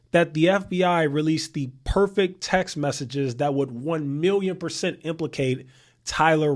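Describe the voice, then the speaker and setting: A thirty-year-old man talks straight to his audience in a casual commentary, leaning on rhetorical questions and repeating key points for emphasis. His voice sits a little higher than most men's. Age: 30s. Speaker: commentary channel host.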